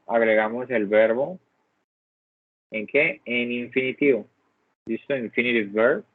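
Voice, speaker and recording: A man with a mid-range voice patiently explains English grammar to an online class, working through it step by step. He checks in frequently, repeatedly asking "¿listo?". The video-call audio is dry and phone-like with no room sound.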